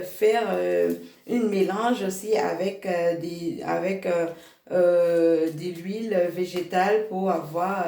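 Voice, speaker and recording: Slow, hesitant woman in an echoey room. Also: fairly low pitch, gravelly, dark tone. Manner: hesitant, many fillers and restarts, laughs at herself; slow, halting delivery. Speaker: product seller presenting her range. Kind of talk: casual product demo video.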